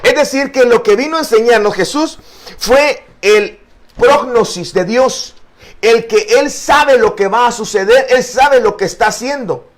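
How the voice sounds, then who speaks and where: A man's voice: extremely high pitch, measured pace. A male pastor teaching a Bible study, earnest and explanatory, with frequent fillers and repeated words. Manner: addresses listeners as brother.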